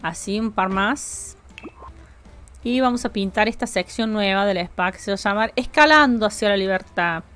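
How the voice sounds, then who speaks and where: A woman's voice: medium pitch, normal speed, fairly bright tone, faint music behind. A woman with a Rioplatense Spanish accent, chatting casually with her live-stream chat while building in a game, jokey and talkative.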